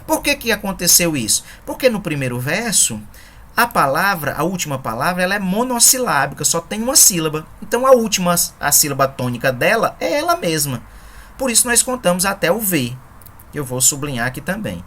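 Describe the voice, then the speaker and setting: A woman's voice: on the low side, big pitch swings, fairly quick, fairly bright tone. A woman teaching an online lesson on poetic scansion, explaining patiently and counting syllables aloud one by one. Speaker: poetry teacher.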